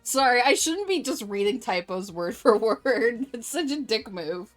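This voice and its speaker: A woman's voice: on the high side, measured pace, soft background music. Laughing woman streamer chatting casually. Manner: laughs often, reads chat aloud, animated and joking.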